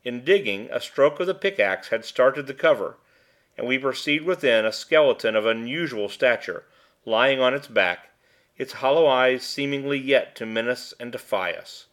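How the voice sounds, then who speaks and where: In this scripted narration, a male audiobook reader delivers a short story evenly and with measured pacing. His voice is mid-range.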